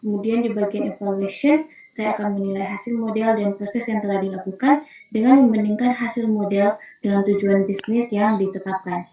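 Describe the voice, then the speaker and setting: A woman's voice: mid-range voice, fairly even intonation, normal speed, mellow, reverberant, low-quality recording. A young woman student presenting her thesis proposal in a formal, methodical way, occasionally correcting herself. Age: young adult. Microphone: video call.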